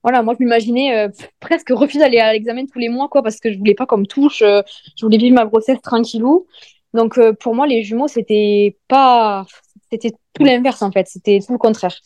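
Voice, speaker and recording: A woman in her thirties tells her own story in relaxed podcast chat, full of fillers and animated retelling. Her voice sits a little high yet sounds mellow and warm. The sound is dry and close. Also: a little fast, no room sound. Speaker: guest telling her birth story.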